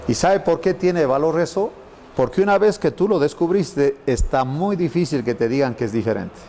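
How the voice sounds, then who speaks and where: Animated middle-aged man teaching a Bible class. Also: fairly high pitch, normal speed, a little hiss or hum. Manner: animated storyteller, acts out quoted voices. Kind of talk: conversational Bible lesson.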